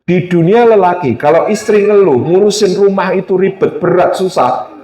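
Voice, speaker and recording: A man's voice: high voice, normal speed, warm tone. A male Islamic preacher giving a religious lecture, telling stories with humor and acted-out quotes. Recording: roomy hall, distant mic.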